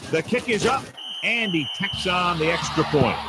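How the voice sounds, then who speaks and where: A man voicing a football play-by-play announcer in a video game, calling each play in brisk, clipped phrases. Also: high-pitched. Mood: calm. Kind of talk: sports play-by-play commentary. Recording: game audio with steady hiss.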